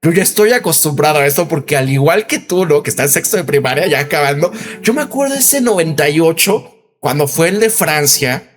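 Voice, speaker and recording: Hosting a laid-back commentary video, a thirtysomething Mexican man speaks Mexican Spanish in a rambling way, tossing in tag questions. His voice is on the high side, expressive, and brisk.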